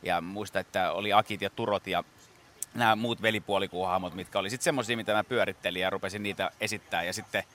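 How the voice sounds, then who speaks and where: A man's voice: low voice, steady tone, a bit bright, a little hiss or hum. A man, a guest impressionist, telling stories in a rambling way, with many fillers and restarts, in a radio studio. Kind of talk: casual interview talk.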